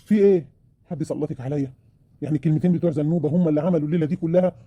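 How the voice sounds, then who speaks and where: A man's voice: on the high side, very fast, dry recording, lo-fi sound, lightly acted. A man with an Egyptian accent playing a remorseful, self-pitying husband in an audio drama, pleading and wheedling. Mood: reproachful. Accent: Egyptian Arabic.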